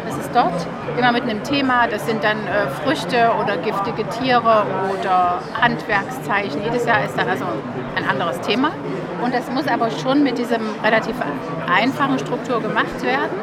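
Explaining woman in a very loud crowd. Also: on the high side. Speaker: exhibitor explaining Braille publishing. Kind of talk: informative interview answers. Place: busy public fair hall. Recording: loud crowd noise all around.

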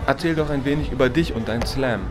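Radio host, man, middle pitch, scripted announcing, soft music bed. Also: fast talker. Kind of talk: radio moderation.

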